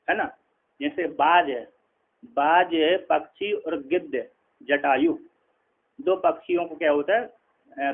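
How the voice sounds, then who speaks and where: A man with a somewhat high, gravelly voice gives a classroom commentary on a Sanskrit text. He chants the quoted lines slowly, then explains them in easy conversation and often checks that his listeners follow. The recording is tinny and narrow, like a phone line. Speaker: teacher of Sanskrit philosophy.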